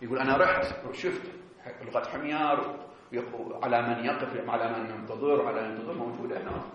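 A man giving a seminary lecture, explaining animatedly and drawing out key words slowly. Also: mid-range voice, fairly even intonation. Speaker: teacher of religious jurisprudence. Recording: echoey, dull lo-fi classroom recording.

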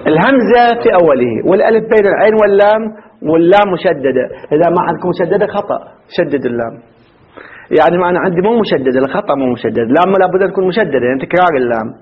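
A man's voice: high-pitched, slightly rough. A male teacher giving a classroom grammar lesson, stretching out words and quizzing his students as he goes. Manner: quizzes the class, drawn-out repetitions. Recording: dull lo-fi classroom recording.

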